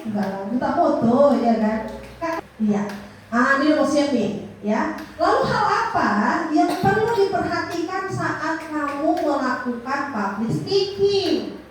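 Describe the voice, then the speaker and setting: Woman trainer, lively and coaxing, high voice, recorded from a distance in a school hall. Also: slight background noise. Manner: lively, coaxing, asks class questions. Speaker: public speaking trainer. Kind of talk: classroom workshop talk. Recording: echoey room, voice from far off.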